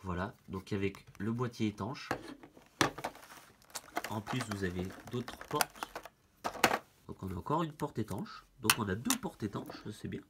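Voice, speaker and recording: A lowish-voiced product reviewer, congested from a head cold, walks through a casual hands-on demo of a product amid heavy background noise. He sounds hesitant and leans on plenty of fillers.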